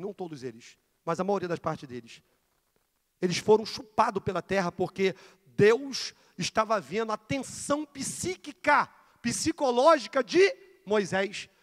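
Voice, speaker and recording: Rio church elder preaching, really high voice, booms then drops to a hush, echoing hall. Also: male voice. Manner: fervent, acts out dialogue, shifts between shouting and hushed asides. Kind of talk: Pentecostal Bible teaching. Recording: long hall reverb.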